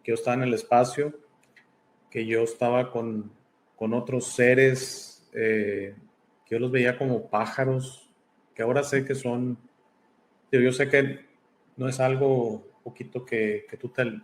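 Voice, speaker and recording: A man's voice: mid-range voice, fairly even intonation, unhurried, slight background noise. A man born in Italy and raised in Mexico, a podcast host talking as a guest over a video call, thoughtful and hesitant with many fillers. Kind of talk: casual interview chat.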